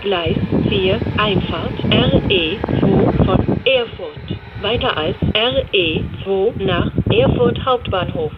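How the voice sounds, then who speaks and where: A female station announcer delivers flat automated platform announcements at a slow pace. Her phrases are formulaic and pieced together. The recording is dull, with clear background noise behind her. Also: mid-range voice.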